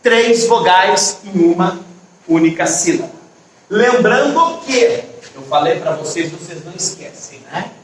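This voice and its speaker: Guy teaching a grammar lesson online, high voice, keeps checking the class is following, very echoey room, bit far from the mic. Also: lively intonation, a little slow, a little hiss or hum. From Brazil. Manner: explanatory, checks in with students often.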